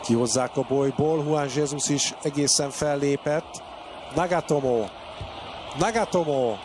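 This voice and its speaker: A fairly high-voiced man commentates on football with excitement, snapping out short, urgent calls of players that jump up at every chance. The broadcast audio underneath is clearly noisy.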